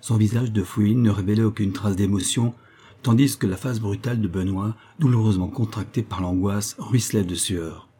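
A man reading a classic adventure novel aloud as a steady audiobook narrator. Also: on the low side, normal speed, slightly rough. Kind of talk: scripted narration.

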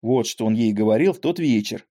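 Man narrating classic prose, mellow. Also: lowish voice, lively intonation, fairly quick.

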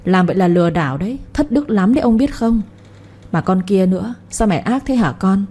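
A woman's voice: medium pitch, animated, fairly quick, warm tone, breathy edge. A woman voicing an indignant middle-aged village mother who scolds her husband and daughter. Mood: reproachful. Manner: reproachful, indignant.

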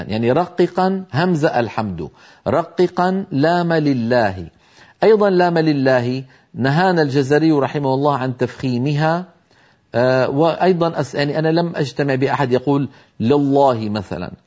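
A man's voice: medium pitch, darkish tone. Man teaching Quran recitation, dull audio. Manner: explains carefully, slowly demonstrating pronunciations. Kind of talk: televised tajweed lesson.

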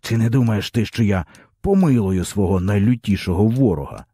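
A man's voice: on the low side, animated, moderate pace, warm tone, slightly rough, no room sound. A man reading a stern, cold young commander. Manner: stern, menacing. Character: cold, harsh young male rebel commander.

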